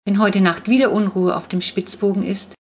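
A woman voicing a calm, dry-witted father in an audiobook, measured and matter-of-fact. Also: medium pitch, slight background noise, natural voice.

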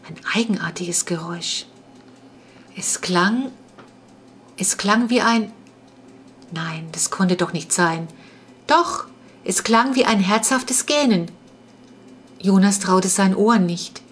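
A woman's voice: on the low side, a little hiss or hum. A woman reading a children's adventure audiobook as the narrator, in a suspenseful storytelling manner. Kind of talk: scripted narration.

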